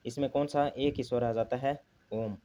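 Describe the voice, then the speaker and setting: A man's voice: medium pitch, steady tone, normal speed, warm tone. A man teaching a grammar lesson, asking himself questions and repeating the key terms. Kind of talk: classroom lesson explanation.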